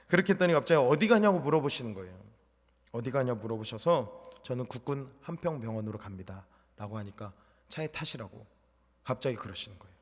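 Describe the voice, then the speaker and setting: Young preacher in a reverberant church. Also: male voice, mid-range voice. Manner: storytelling testimony, swinging between loud and hushed. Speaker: junior pastor. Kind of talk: sermon. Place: church sanctuary. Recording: long church hall reverb.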